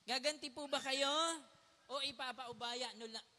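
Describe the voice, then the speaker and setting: A man's voice: very high-pitched, steady tone, a little slow, bright, forceful tone. A man from the Philippines preaching to his congregation. He tells a personal story, keeps checking with his listeners and mixes English phrases into his talk. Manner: conversational preaching that often questions the congregation. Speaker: pastor. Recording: long hall reverb.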